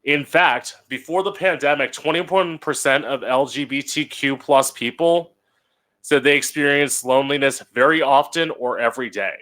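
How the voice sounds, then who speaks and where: A man hosting an opinion show as a campy drag queen, blunt and opinionated, with drawn-out emphatic phrasing. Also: medium pitch, pushed and bright. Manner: blunt, opinionated, swears freely. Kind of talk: opinion monologue.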